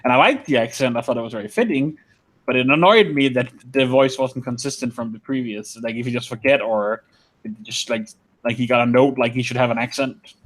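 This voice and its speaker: A man taking part in a relaxed podcast chat about a book. He states his opinions plainly and stumbles into the odd "like" and "uh" as he goes. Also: medium pitch, fairly quick. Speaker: podcast panelist. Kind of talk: casual book discussion.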